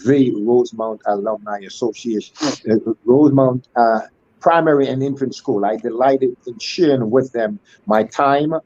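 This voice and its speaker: A man's voice: mid-range voice, moderate pace, a little mellow, no room sound, muffled recording. A man in his sixties, a school alumnus speaking as a guest on an online panel, with ornate, churchly phrasing and many fillers and restarts. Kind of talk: formal online panel talk.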